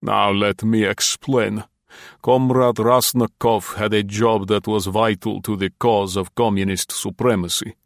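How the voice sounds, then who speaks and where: A man doing a rasping old Soviet general. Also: fairly low pitch, fairly even intonation, dry recording, studio quality. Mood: commanding. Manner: slow, deliberate commands. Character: fat ruddy older Soviet general, gruff, commanding. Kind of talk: audiobook character voice.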